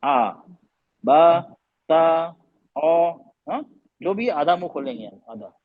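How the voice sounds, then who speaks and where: A man's voice: fairly high pitch, sing-song, slow pace. A male teacher giving a lesson, repeating vowel sounds aloud and quizzing his students. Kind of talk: classroom lesson on Arabic vowels. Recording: dull lo-fi recording.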